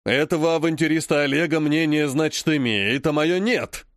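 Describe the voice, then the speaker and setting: A man playing a slow, grumpy old grandfather. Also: on the high side, no room sound, clean studio sound, natural voice. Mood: grumbling. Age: over 60. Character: grumbling old grandfather, head of a clan.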